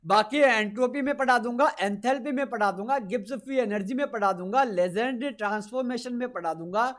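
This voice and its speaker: A man's voice: very high-pitched, brisk, a bit bright. A man teaching physics in an exam-prep lecture, repeating his points emphatically and reassuring his students. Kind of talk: exam-prep lecture over screen notes.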